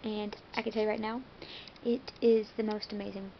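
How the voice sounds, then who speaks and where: A woman's voice: mid-range voice, level tone, normal speed, lo-fi sound, slight background noise. An American woman talking to her viewers in a casual vlog, rambling a little with fillers and self-corrections. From United States. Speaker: vlogger.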